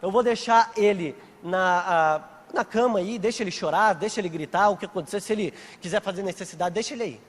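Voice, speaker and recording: A man's voice: sits high, fast talker, in a large hall, pitched below the performer's own voice. A man voicing a careless, lazy babysitter who shrugs off her job, as he retells the scene in a sermon. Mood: dismissive.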